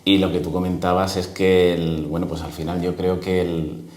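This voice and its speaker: A man's voice: low-pitched, little pitch movement, normal speed, roomy sound. A middle-aged man from Spain, a guest speaking easygoingly with many hesitations in a casual interview. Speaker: guest, security executive.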